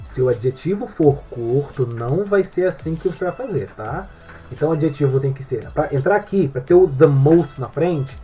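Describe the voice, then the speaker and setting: A Portuguese-speaking man teaches English grammar in a patient, step-by-step way, often pausing to check that the listener follows. His voice is mellow and relaxed, at a middle pitch for a man. Faint music plays quietly under the lesson. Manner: explains step by step with frequent check-ins.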